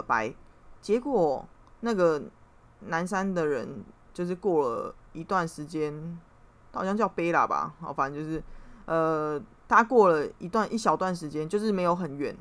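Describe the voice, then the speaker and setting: A woman's voice: low voice, a bit bright. A young woman hosts a podcast and reads tarot. She tells a story in a rambling, heated way and swears when worked up. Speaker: podcast host and tarot reader. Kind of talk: casual storytelling monologue.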